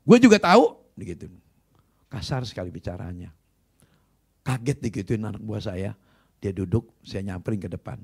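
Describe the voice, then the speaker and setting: A man's voice: on the low side, moderate pace, gravelly, long pauses, dark tone, husky. A male pastor preaching a sermon, telling stories emphatically and putting rhetorical questions to the congregation. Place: church service.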